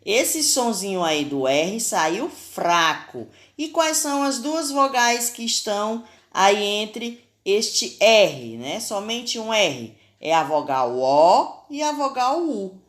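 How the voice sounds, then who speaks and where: Carefully sounding out each letter and syllable, this Brazilian Portuguese-accented teacher gives children a recorded spelling lesson. She speaks at a medium pitch, very animatedly and slowly, with hardly any pauses.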